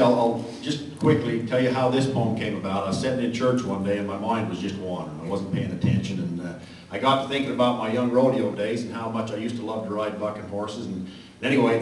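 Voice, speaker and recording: A man recites cowboy poetry in a very reverberant room, picked up from a distance with faint noise behind him. He has a Western American cowboy twang and an average-pitched voice. His delivery is folksy and drawling, with dry humor aimed at a live audience. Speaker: cowboy poet. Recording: echoey hall from far off, faint noise.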